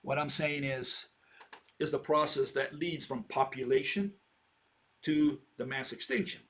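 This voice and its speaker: A man's voice: mid-range voice, a little slow, a bit bright. A man in his sixties giving a rambling informal lecture, posing rhetorical questions and checking in with "okay?". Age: 60s.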